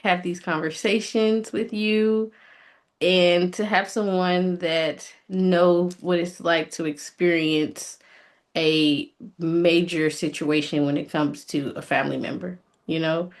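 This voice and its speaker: Lower-pitched young woman with a British accent. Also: steady tone, slow pace. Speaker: interviewer. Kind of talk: conversational interview.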